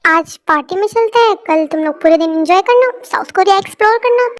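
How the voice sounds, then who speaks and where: A woman voicing a calm businessman father. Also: extremely high pitch, quick pace.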